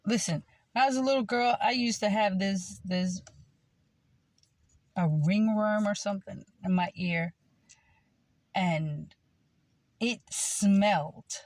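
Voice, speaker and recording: A woman's voice: mid-range voice, takes it slowly, long pauses, darkish tone, no echo. A woman delivering a rambling religious monologue, meandering with frequent fillers and repeated words. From United States. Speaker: self-styled preacher.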